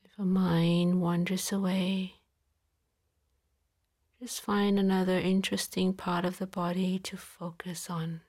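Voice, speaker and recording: Female meditation guide: soft, calm, slightly low and very even, unhurried, partly whispered. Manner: slow, soft, calm with long pauses. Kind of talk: guided body-scan relaxation.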